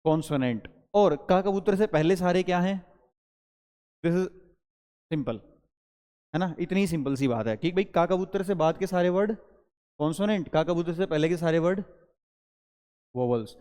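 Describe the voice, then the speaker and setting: A man with a fairly high voice teaches a grammar lesson in Hindi and English. He explains each point step by step and keeps quizzing his students with questions. His voice carries a long reverb from the room. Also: normal speed, pauses often, mellow, clean tone.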